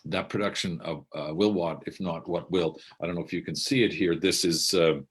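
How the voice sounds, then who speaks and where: A low, steady, husky male voice at normal speed belongs to an older theatre director. He wanders through career anecdotes in a reflective monologue, frequently starting over and cursing casually.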